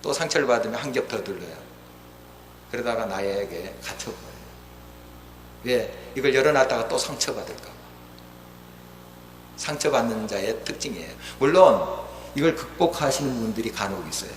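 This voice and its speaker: A male pastor preaching a sermon, passionately, rising to forceful exhortation and dropping to hushed pleading. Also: lively intonation, moderate pace, long pauses. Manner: impassioned, swinging between raised exhortation and hushed pleading. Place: church sanctuary. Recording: echoey hall with low hum.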